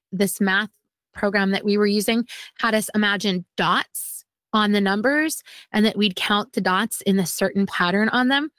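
Talkative and quick to laugh at herself, this homeschooling mom in her forties keeps up a casual, self-deprecating podcast chat. Her voice is medium-pitched and fairly bright, and the recording is dry.

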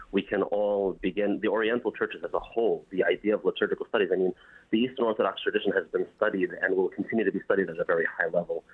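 A man calling in to a show, talking in an earnest, steady way with occasional fillers. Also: low-pitched, husky. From United States. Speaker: caller. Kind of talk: call-in show comment. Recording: tinny phone line.

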